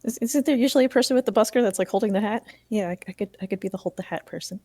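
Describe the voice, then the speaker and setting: A woman's voice: mid-range voice, rapid-fire, dark tone, no echo. A woman playing a tabletop game, talking hesitantly and brushing off her own ideas. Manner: hesitant, self-deprecating. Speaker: player. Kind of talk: casual tabletop play.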